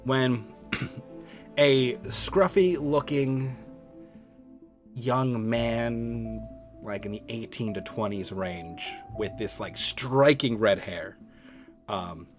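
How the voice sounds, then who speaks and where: A man's voice: mid-range voice, soft background music. Chatty man running a tabletop game. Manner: chatty, self-deprecating, quick to laugh at himself. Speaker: game master. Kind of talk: narrating a tabletop game on a livestream.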